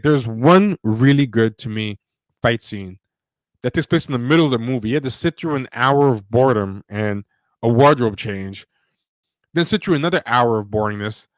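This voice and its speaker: A man with a mid-range voice hosts a casual livestream podcast, reviewing movies in a rambling, opinionated way full of fillers and restarts, and he reads viewer donations aloud. There's no echo on the recording.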